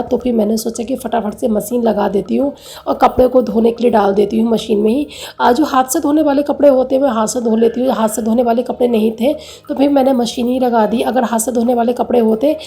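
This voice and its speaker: A woman's voice: fairly high pitch, dark tone, echoey room. A woman chatting casually through a home vlog with a rambling, homely way of giving advice. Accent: Hindi, north Indian. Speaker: vlogger. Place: home kitchen.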